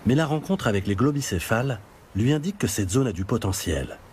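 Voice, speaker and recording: A man's voice: medium pitch, lively intonation, a little fast, darkish tone, a little hiss or hum. A man reading scripted narration for a nature documentary.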